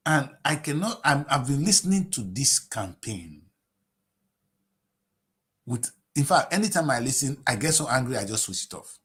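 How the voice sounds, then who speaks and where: A Nigerian man from Delta State, in his late fifties, delivers fiery political commentary on television. He fires off rhetorical questions and swings between shouting and low muttering, very animated but speaking at a normal speed.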